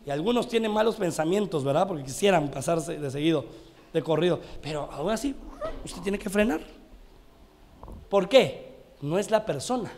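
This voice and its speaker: A man's voice: sits high, slight background noise. A man preaching a televised sermon, telling anecdotes and calling his listeners brothers. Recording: long hall reverb.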